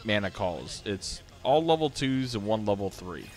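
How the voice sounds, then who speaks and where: A man with a lowish voice calls fighting game matches in a relaxed, thinking-aloud way, full of fillers. He sounds sleepy and easygoing. Faint music plays underneath. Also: moderate pace. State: sleepy, yawning. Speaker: live streamer commentating matches. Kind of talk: casual fighting game commentary.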